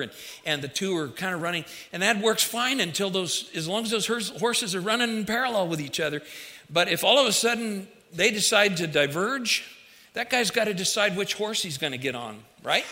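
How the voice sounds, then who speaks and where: A man's voice: sits high, sharp tone. A man preaching a conversational, folksy sermon, addressing listeners directly, his speech slightly affected by wearing a dental retainer. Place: large hall, speaking to a congregation. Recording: long hall reverberation.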